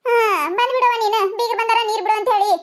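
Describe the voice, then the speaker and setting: ಉತ್ತರ ಕರ್ನಾಟಕ ಶೈಲಿಯ, ಕೀಚಲು ಧ್ವನಿಯ ಜಗಳಗಂಟಿ ಹಳ್ಳಿ ಹೆಂಗಸು , ಒಬ್ಬ ಮಹಿಳೆ ಧ್ವನಿ ನೀಡಿದಂತೆ. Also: female voice, flat delivery. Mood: pleading, teasing. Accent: North Karnataka Kannada. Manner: shrill, quick, bickering. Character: young village woman pleading for water, quarrelsome. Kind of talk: cartoon voice acting.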